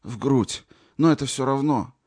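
A man voicing a wounded, dying young man who speaks hoarsely, slowly, word by word, in an audiobook. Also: mid-range voice, darkish tone, pitched above the performer's own voice, natural voice. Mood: anguished. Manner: faltering, hoarse, slow.

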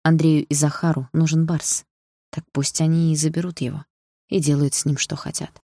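Audiobook narrator, gravelly, dark tone, flat delivery, dry close mic. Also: mid-range voice, moderate pace, no room sound. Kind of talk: scripted narration.

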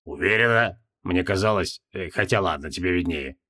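A man's voice: animated, moderate pace, sharp tone, full character voice. A man voicing a sly, weary male demon. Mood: sardonic. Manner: drawling, sardonic, low and subdued.

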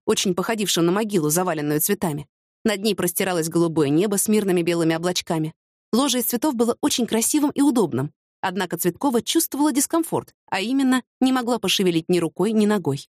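A woman narrating a novel in an even, expressive reading voice. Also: mid-range voice, no room sound, studio quality. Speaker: audiobook narrator. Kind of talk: scripted narration.

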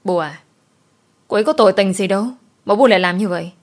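A woman voicing a gentle young master who pleads earnestly with his mother. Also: lowish voice, fairly even intonation, normal speed, close to an everyday voice. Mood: pleading.

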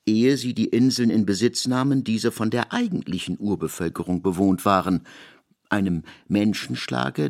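A man with a gravelly voice on the low side narrates scripted literary prose for a radio production. He delivers it in an expressive, elevated storytelling manner, recorded in a studio.

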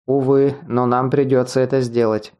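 A cold, officious chief guard from a fantasy audiobook, delivering verdicts in a calm, mechanical tone, as a male narrator voices him. The voice is dark and mellow at a middle pitch. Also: normal speed, clean tone, close to an everyday voice.

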